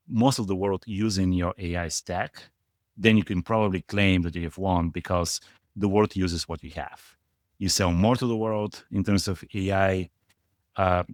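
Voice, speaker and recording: A man's voice: low voice, no echo, studio quality. A middle-aged man from Bulgaria with a Bulgarian accent, speaking as a guest in a conversational interview, emphatic and repeating words for stress. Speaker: portfolio manager guest.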